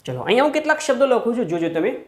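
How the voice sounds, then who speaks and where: A man teaching a grammar lesson. He poses questions to the class, says example words slowly, and checks in with "hm?". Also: extremely high pitch, sing-song, darkish tone. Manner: asks the class rhetorical questions. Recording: echoey room.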